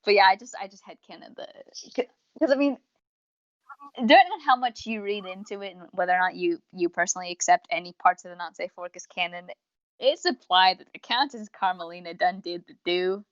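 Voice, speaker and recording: Her voice sits lowish and moves briskly as she co-hosts a laid-back fan discussion on a podcast, where she also reviews. This talkative young woman wanders from point to point, acting out quotes in lively retellings. The lo-fi recording is dull, with no room sound.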